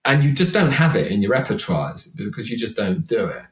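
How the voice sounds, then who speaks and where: This podcast guest, a British function singer of sixty, talks in a fairly low, sing-song voice at a brisk clip, with a crowd audible behind him. He meanders self-deprecatingly through the casual interview, and the room gives the audio an echo.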